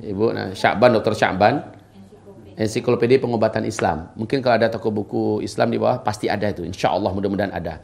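A man's voice: on the low side, fast, vocal fry, a little mellow. A middle-aged man giving an informal religious lecture. He answers questions from the audience and often speaks directly to the women listening. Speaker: Islamic preacher.

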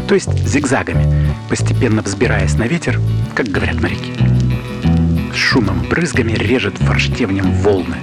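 Guy doing lyrical sea story narrator, low voice, loud music behind him. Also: close to an everyday voice. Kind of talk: scripted literary narration.

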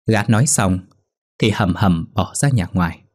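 Husky man narrating a ghost story. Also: on the low side, moderate pace, a little mellow.

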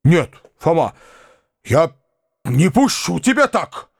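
A man voicing an agitated middle-aged country gentleman in an audiobook, pleading and trembling with emotion. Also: a little high, sing-song, normal speed, gravelly, no room sound, clean studio sound, heavily acted. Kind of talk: audiobook character reading.

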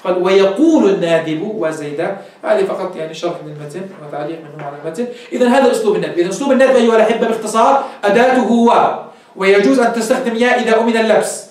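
Rapid-fire and pitched high, this man's voice carries an Arabic grammar lesson given by a sheikh who explains each step and quizzes the class, supplying the answers to his own questions. Recording happens in a very echoey room with a distant mic.

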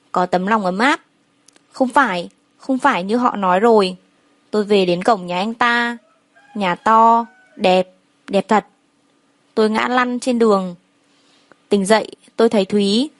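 A woman narrating a first-person story in a plain, steady storytelling manner. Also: on the high side, no echo.

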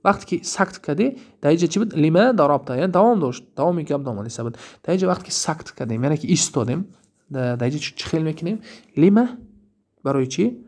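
Tajik guy teaching grammar, kinda high voice, asks himself stuff then answers. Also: animated. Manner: explains by asking and answering his own questions, reading Arabic examples aloud. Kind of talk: recorded lesson explaining a textbook.

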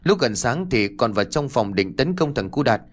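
A man's voice: mid-range voice, big pitch swings, moderate pace. A man voicing a frightened young man who pleads humbly and stammers. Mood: shaken.

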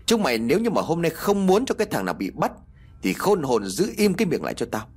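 A man puts on a greedy old village lord who bellows his threats high and harsh. The voice jumps around in pitch and has a husky edge. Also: wildly swooping pitch, fast, heavily acted. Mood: threatening. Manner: harsh shouting.

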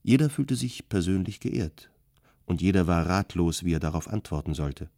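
Deep-voiced man reading a novel. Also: expressive, normal speed, gravelly, warm tone, no echo, clean studio sound. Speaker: audiobook narrator. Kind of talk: scripted literary narration.

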